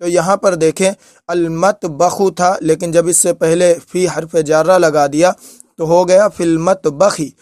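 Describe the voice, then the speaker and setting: Male teacher, fairly high voice, slow repeated examples, dry close sound. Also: fairly even intonation, darkish tone, dry recording. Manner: repeats each example slowly. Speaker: Arabic teacher. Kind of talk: lesson.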